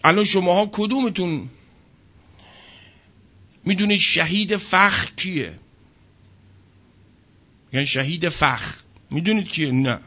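Male preacher, high voice, forceful rhetorical questions, dull lo-fi recording. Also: pauses often. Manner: emphatic, full of rhetorical questions. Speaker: religious speaker. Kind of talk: sermon to an audience.

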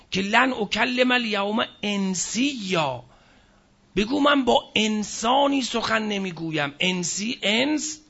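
A man preaching a scripture lecture. He recites verses slowly, then explains them in plain speech and asks the audience questions that he answers himself. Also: high voice, creaky, bright, forceful tone, dull audio. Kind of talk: Quranic exegesis lecture.

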